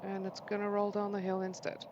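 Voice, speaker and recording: A woman hosting a gaming channel, chatting casually to herself as she plays, excitable and quick to swear mildly. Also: medium pitch, lo-fi sound, noisy background. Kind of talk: casual gameplay commentary.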